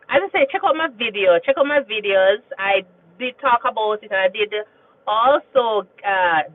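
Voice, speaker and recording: Through a tinny sound comes the mid-range voice of a chatty Jamaican woman, a nurse hosting a casual livestream where she reads viewers' comments. She slips into storytelling, repeats phrases, and regularly asks "you understand?".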